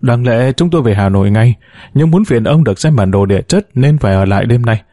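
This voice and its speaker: A man's voice: mid-range voice, expressive, dark tone, no echo, studio quality, lightly acted. A man voicing a polite foreign man who speaks formally and evenly. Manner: formal, measured.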